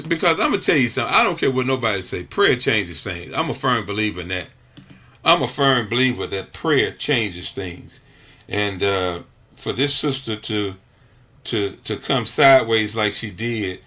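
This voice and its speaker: Guy ranting on his radio show, keeps stumbling over his words, tense bright voice. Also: medium pitch. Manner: indignant, stammering with repeated restarts. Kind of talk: talk radio monologue.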